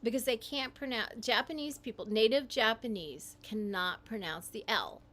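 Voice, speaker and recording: A woman hosting a livestream, talking in a meandering, halting way, often correcting herself as she types. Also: a little high, fairly bright tone. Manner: typing while talking. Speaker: livestream host. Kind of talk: rambling livestream monologue.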